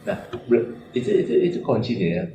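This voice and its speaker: A man's voice: mid-range voice, expressive, fast talker, reverberant, muffled recording, noisy background. Affirming male talk show host. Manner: affirming, many short agreements.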